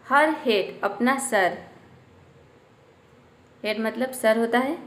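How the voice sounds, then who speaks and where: A woman teaches English sentences one word at a time, slowly repeating each word with its meaning. Her voice sits fairly high and unhurried. The room around her is echoey.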